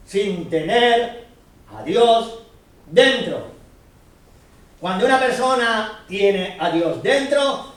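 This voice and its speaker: A man's voice: very high-pitched, fairly bright tone. A man giving Bible teaching to a congregation, earnestly explaining and checking often that his listeners understand. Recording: very echoey room, distant mic.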